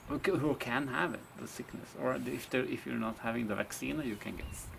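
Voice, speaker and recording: Gravelly-voiced man, halting co-host chat. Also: medium pitch, a bit bright, slight background noise. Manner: halting, searches for words, breaks off mid-sentence. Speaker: podcast co-host. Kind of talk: casual chat.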